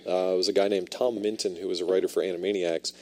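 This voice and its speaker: Very deep-voiced enthusiastic man. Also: fairly even intonation, fast, dark tone. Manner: enthusiastic, explains what he looks up. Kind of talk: casual chat.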